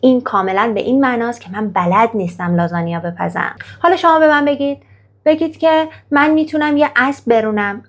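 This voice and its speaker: A woman teaching an English grammar lesson, with a gravelly edge to her voice. She pronounces example sentences slowly and deliberately, then explains them and encourages the listener after each practice line. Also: a little high. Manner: slow, careful model sentences in English, then Persian explanation; coaxing, praises the viewer after each exercise.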